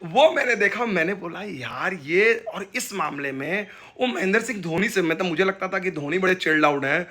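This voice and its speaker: A man's voice: sits high, lively intonation, a little fast, sharp tone. A man, a fan reporter telling casual anecdotes in an interview, mixing Hindi and English and acting out what others said.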